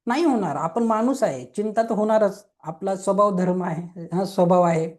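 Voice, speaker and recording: He's a young adult man teaching a Reiki webinar, his high-pitched voice moving at a moderate pace through an online webinar mic. His explanations are simple, built on questions and everyday examples, and he regularly checks in by asking if listeners agree.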